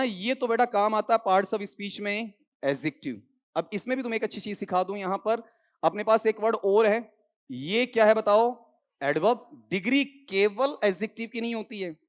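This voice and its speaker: A man runs a classroom lesson on English grammar for an exam. He keeps firing questions at his students, repeats the key words, and calls them "sahab" and "beta" as he talks. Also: high-pitched. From India. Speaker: English teacher. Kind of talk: exam-prep classroom lecture.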